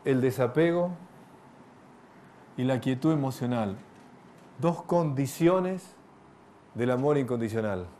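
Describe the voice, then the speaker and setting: A middle-aged spiritual lecturer gives a reflective talk to an audience, posing rhetorical questions and adding touches of light humor. His mid-range voice is warm and animated, slow with long pauses, and there is a little hiss or hum.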